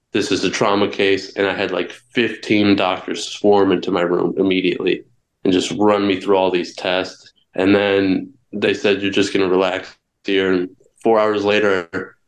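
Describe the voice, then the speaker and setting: A man's voice: deep voice, creaky. Young man guest, roomy echo. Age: young adult. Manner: candid storytelling with many restarts. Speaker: guest wrestler. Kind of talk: casual interview. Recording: echoey room.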